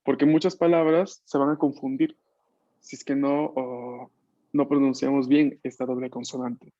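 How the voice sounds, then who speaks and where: A man's voice: mid-range voice, level tone, normal speed, mellow, dry recording, lo-fi sound. A male language teacher running an online Japanese class in Spanish, explaining patiently and checking in with tag questions. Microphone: video call.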